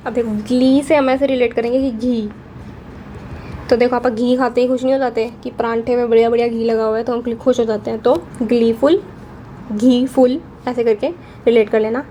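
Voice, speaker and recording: A woman's voice: on the high side, flat delivery, a little fast, dark tone, a little hiss or hum. A young woman teaching vocabulary in a casual Hinglish lesson, chatty and often checking in with her students. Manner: chatty, checks in with frequent "theek hai".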